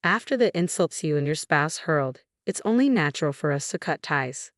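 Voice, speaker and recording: A woman voicing a stern husband who speaks firmly and calmly as he cuts ties with his family. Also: deep voice, moderate pace, dry recording, studio quality. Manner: firm, calm, pressing.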